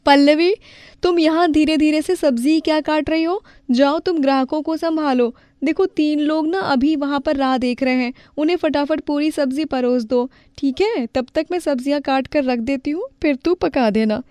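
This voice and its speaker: A woman doing a brisk young food-stall worker. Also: high voice, a little mellow, no room sound, pitched above the performer's own voice, lightly acted. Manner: brisk, instructing. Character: busy young widowed daughter-in-law, brisk.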